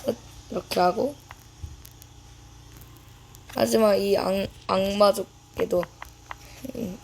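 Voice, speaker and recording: A woman's voice: medium pitch, creaky, slightly rough. A woman giving casual, playful commentary to herself while playing a video game. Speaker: gaming YouTuber.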